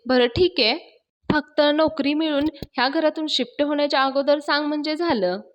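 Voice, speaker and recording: A woman's voice: high voice, normal speed, highs cut off, voice pushed up, lightly acted. A woman voicing a curious young wife who coaxes her husband to reveal a surprise. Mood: coaxing. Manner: curious, coaxing.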